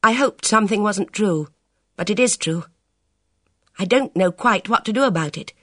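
Woman reader as a guarded young woman, raised pitch, clipped and level, dry close sound. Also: normal speed, no echo, close to an everyday voice. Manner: clipped and composed, a bit grim. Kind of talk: audiobook character reading.

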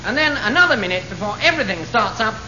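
An actor playing a proud demonstrator of an absurd security gadget, in a deadpan comic style. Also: medium pitch, fast, lightly acted. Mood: earnest, pleased. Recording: dull, lo-fi, loud noise.

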